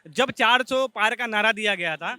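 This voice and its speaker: A man's voice: high-pitched, normal speed, pushed and bright, smooth, dry recording. A man speaking as a panel guest in a political debate, emphatic and repeatedly checking that listeners agree.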